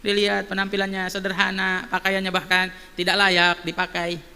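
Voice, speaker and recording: Guy preaching, high voice, lively storytelling w lots of rhetorical questions, echoey mosque. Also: moderate pace, gravelly, clean tone. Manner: animated, many rhetorical questions. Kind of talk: sermon with storytelling. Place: mosque hall.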